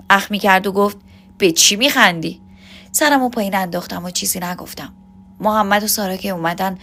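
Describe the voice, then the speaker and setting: A woman narrates a first-person love story for an audio podcast. She recounts it softly and intimately, in a voice of ordinary pitch. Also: gravelly.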